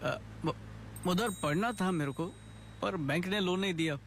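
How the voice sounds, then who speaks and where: A man's voice: high-pitched, a little slow, creaky, a little hiss or hum. A man speaking dubbed film dialogue as a driver, apologetic and eager to please. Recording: film soundtrack with music behind.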